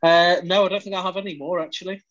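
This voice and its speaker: Higher-pitched man in podcast banter. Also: flat delivery, fast, fairly bright tone, highs cut off. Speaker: football podcast regular and quiz contestant. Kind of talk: casual chat, banter.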